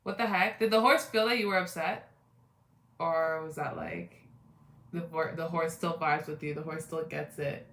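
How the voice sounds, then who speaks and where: A woman's voice: sits low, lively intonation, normal speed, a bit bright, reverberant. A woman in her twenties hosting a casual livestream, chatty and rambling, greeting viewers by name. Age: 20s. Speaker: livestream host. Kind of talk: casual live chat with viewers.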